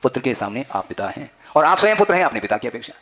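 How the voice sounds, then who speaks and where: A man's voice: medium pitch, sing-song, racing, fairly bright tone. A man giving a spiritual discourse as a wise religious teacher, instructing his listeners with rhetorical questions and repeated phrases.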